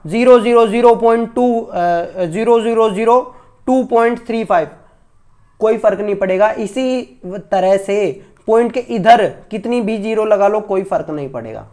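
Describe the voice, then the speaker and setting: A male school teacher with a high-sitting, slightly mellow voice gives an online maths lesson to children at normal speed. Patient and repetitive, he fondly calls his pupils children and often checks that they've understood.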